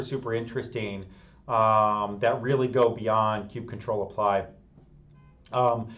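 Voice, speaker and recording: A middle-aged man walks through software tools on a live stream, talking in a loose and conversational way. He restarts his sentences often, leans on fillers, and stops to answer viewers in chat. His voice sits at an ordinary pitch, and the stream audio sounds a bit dull and lo-fi. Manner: thinks aloud with frequent fillers and restarts, reads chat. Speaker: host of a live technical stream. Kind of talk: casual live-stream explanation.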